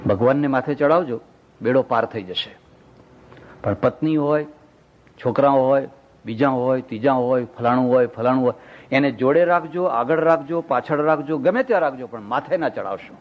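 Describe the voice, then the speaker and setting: Older monk telling a lively parable. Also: male voice, mid-range voice, normal speed. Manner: animated, acts out the people in his anecdotes. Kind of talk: storytelling sermon. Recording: dull lo-fi recording.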